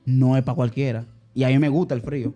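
A man's voice: mid-range voice, fast, soft background music. A man with a Dominican accent, chatting casually and telling travel stories with lots of laughter. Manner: animated storyteller, laughs often. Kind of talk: casual chat.

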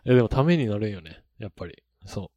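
Low-voiced podcast host who chuckles often. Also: male voice, lively intonation, fast, warm tone, no echo. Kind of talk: casual podcast chat.

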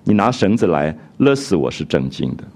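A man voicing a frail, despairing teenage girl as he retells a classic novel, read out plainly in his own low voice. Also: sing-song, brisk, creaky, a little mellow, exaggerated voice.

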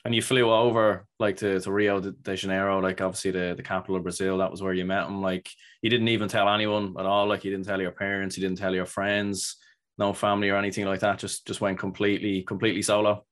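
A man's voice: low voice, level tone, fast talker, a bit bright. A man hosting a casual podcast interview, asking long, rambling questions full of "like" and restarts. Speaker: podcast host.

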